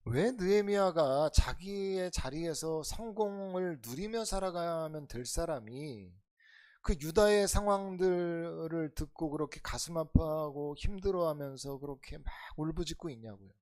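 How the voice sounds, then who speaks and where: 설교하는 목사, 높은 목소리. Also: male voice, unhurried. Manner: conversational preaching with rhetorical questions to the congregation; swings between loud emphatic lines and soft low asides. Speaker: pastor. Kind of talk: expository sermon.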